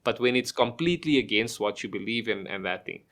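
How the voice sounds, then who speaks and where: His voice sits on the low side, animated, brisk and fairly bright. He is a middle-aged South African podcast guest who chats casually, uses everyday examples to explain, restarts phrases and throws in rhetorical questions.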